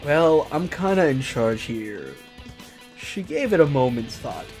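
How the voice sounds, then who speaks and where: Hosting a let's-play, a very low-voiced woman speaks a little slowly, chatting casually and dramatically reading a visual novel aloud. Her asides are playful and animated, and guitar-driven game music runs underneath her voice.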